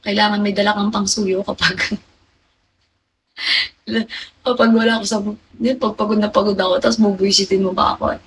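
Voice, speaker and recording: Speaking at a moderate pace in a level, mid-range voice, this young livestreamer pauses often as she chats casually with her audience. She shares confidences and responds to comments by name, though the low-quality recording carries some hiss or hum.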